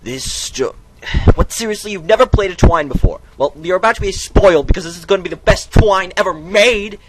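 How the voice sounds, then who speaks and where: A man with a high-pitched voice reads fairly quickly over heavy background noise. Playing a text game, he delivers it like a mock-dramatic storybook, theatrical and comically cutting himself off with frequent casual asides.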